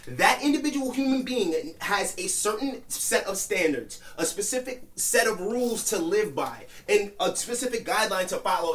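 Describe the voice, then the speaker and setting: A man's voice: sits high, far from the mic, slight background noise. A man co-hosting a casual podcast discussion, making his point earnestly and circling back over his own phrases. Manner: earnest, repeats phrases while building a point. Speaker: podcast co-host.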